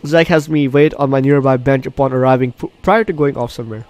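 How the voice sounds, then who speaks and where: Game music underscores this walkthrough, where the male host reads the story text on screen and responds with excited outbursts. He talks fast in a medium-pitched, darkish voice, and the recording is dry.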